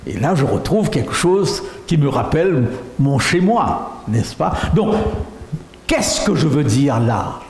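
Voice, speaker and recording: A middle-aged man from Mauritius delivers a sermon testimony with a lively, swinging pitch and an unhurried pace. He keeps checking in with his listeners through rhetorical questions. The voice rings in a roomy hall over a faint hum. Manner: animated, asks the audience rhetorical questions. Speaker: pastor. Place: church meeting hall. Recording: echoey hall with faint noise.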